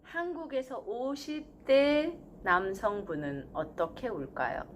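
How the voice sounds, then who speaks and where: A woman hosting her channel, talking in a calm, measured, reflective way with thoughtful pauses and gentle self-corrections. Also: a little high, a little hiss or hum. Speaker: channel host. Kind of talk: reflective spoken essay.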